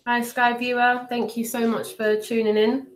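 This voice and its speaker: A woman's voice: fairly high pitch, little pitch movement, normal speed. A woman who sounds sick and bunged up, chatting casually and hesitantly to livestream viewers in an apologetic, rambling way. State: unwell, congested, bunged up with a cold and cough. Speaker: livestream host. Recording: clearly noisy livestream audio.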